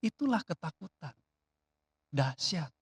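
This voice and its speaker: A man preaching a sermon in a church, chatty and lively, with rhetorical questions and sudden swings between loud emphatic bursts and quiet asides. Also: a little high, measured pace, husky. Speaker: pastor.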